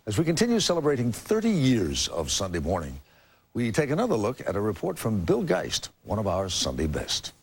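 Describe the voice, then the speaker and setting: A man's voice: lowish voice, huge pitch swings, fairly quick, creaky, a little hiss or hum. An older man hosting a news program with scripted broadcast narration.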